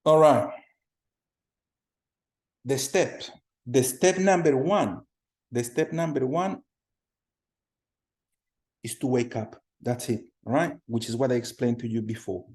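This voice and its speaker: A man from Colombia in his thirties teaching a class over a video call, energetic, often repeating words and putting questions to the students. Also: mid-range voice, takes it slowly, long pauses. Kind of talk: online class lecture. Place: home room on a video call.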